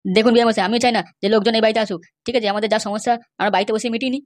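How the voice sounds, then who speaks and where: A blustering older father in a cartoon who threatens to round people up, as a woman puts him on. The voice sits deep and is delivered fast. The recording is dry and close. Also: steady tone, dry recording, lightly acted. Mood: angry. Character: angry older man, a bride's threatening father.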